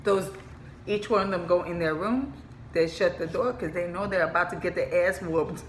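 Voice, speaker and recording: Animated woman telling stories in an echoey room. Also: fairly low pitch, moderate pace, background noise. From Puerto Rico. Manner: animated storyteller, acts out voices. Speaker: guest. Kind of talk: casual chat. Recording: echoey room, faint ambience.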